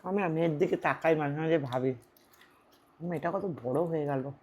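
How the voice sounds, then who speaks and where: A mukbang vlogger in her thirties chats casually on her home eating show, teasing and bickering playfully. Her husky, low voice moves at normal speed, swinging between soft reflection and loud animation.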